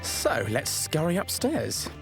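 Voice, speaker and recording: A man presenting a home-selling show with a very lively, sing-song voice. He tours the house chatting to camera and keeps dropping cheeky puns and mock-dramatic remarks. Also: fairly high pitch, takes it slowly, vocal fry, music in the background. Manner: playful, punning, theatrical asides. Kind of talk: jokey TV presenting and narration.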